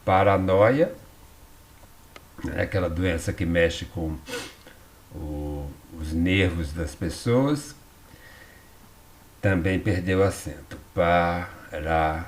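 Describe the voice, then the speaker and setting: Slow, deep-voiced Brazilian male teacher. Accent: Brazilian Portuguese. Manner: patient, explanatory, frequent tag questions. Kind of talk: recorded school lesson.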